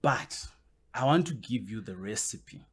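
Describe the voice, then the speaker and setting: A man's voice: on the low side, expressive, measured pace, a bit bright, slightly rough. A man, a guest on a podcast interview, explaining his points at length and often circling back with "which basically means".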